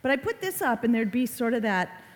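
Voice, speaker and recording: A woman in her forties speaks to an audience of parents and children, lively and conversational as she acts out little family scenes. Her voice sits a touch high. A long reverb trails behind her, as in a big hall. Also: a little fast. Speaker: child safety presenter. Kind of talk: live presentation to parents and kids.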